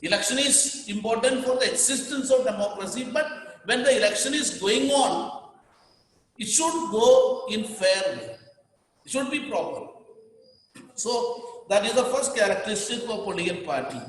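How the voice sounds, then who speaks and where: A very high-pitched, expressive man lectures a class at a normal pace. He repeats key words and directs students on what to underline, his voice carrying long reverb in an echoey room.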